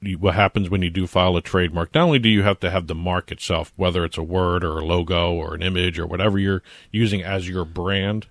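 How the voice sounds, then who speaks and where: A man's voice: low voice, steady tone, quick pace, hardly any pauses, no echo, clean studio sound. A man with a New Jersey accent co-hosting a casual podcast, explaining at length with plenty of fillers. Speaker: co-host, trademark attorney.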